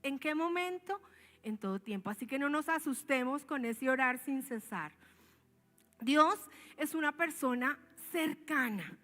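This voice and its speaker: High-voiced Colombian woman preaching. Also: expressive, measured pace, a bit bright. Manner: conversational, emphatic, asks the audience questions. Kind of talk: sermon. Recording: long hall reverb.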